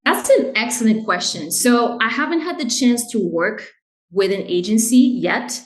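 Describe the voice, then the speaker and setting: A woman's voice: a little high, lively intonation, moderate pace, reverberant, poor audio. A woman who grew up in Haiti, the guest in an interview, explaining her work in an earnest, conversational way. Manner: earnest, explains with "right?" and "you know". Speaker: guest, brand director.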